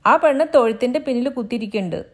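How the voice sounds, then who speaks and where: A woman voicing a sharp-tongued female servant who scolds loudly in a high voice. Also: racing, husky. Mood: scolding.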